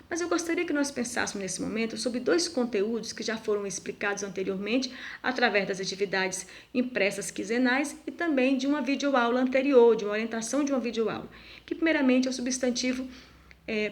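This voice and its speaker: Higher-voiced woman teaching slowly. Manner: slow, deliberate, asks pupils rhetorical questions. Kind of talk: recorded video lesson for schoolchildren.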